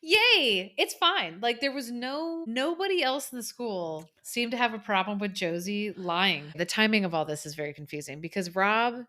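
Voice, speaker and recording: A woman's voice: medium pitch, moderate pace, hardly any pauses, fairly bright tone. A woman in her thirties co-hosting a podcast, animatedly recapping a movie, acting out quotes and swearing for emphasis. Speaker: podcast co-host. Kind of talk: casual movie recap chat.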